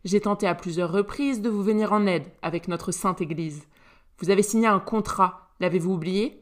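A woman's voice: medium pitch, normal speed, close to an everyday voice. A woman voicing a stern, angry aristocratic duke who scolds his son with cold contempt in a storybook reading. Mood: contemptuous.

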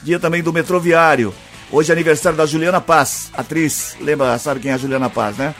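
A man's voice: on the high side, brisk, a bit bright. A man hosting a radio morning show, joking with co-hosts and reading time checks and dates. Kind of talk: lively radio banter. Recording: music bed under the voice.

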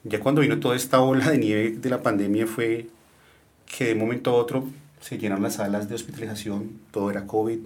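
A doctor from Colombia answering interview questions, explaining plainly and steadily with frequent fillers. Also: male voice, fairly low pitch, fairly even intonation, fast talker, a little mellow.

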